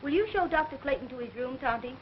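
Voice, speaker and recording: An actress playing a frightened, pleading young heiress in early 1930s melodramatic film style, on a muffled, noisy old soundtrack. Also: female voice, high-pitched, quick pace, natural voice. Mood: polite.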